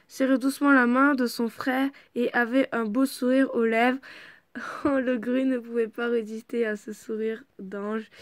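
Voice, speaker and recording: Excitable French woman reading aloud, higher voice. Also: creaky. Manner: excitable, swears freely, breaks off to joke and shout. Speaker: reader of a fan fiction. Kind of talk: casual reading aloud with chatty commentary.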